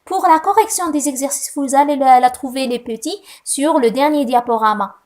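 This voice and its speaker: A woman teaching a recorded lesson to young pupils, patient and deliberate, fondly calling them her little ones. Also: high-pitched, darkish tone. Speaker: primary school French teacher.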